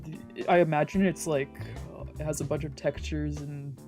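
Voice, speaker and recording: With music playing in the background, a woman speaks in a low, steady voice at normal speed. She is voicing a visual novel for a let's play, alternating between narration of the story and relaxed, slangy side remarks.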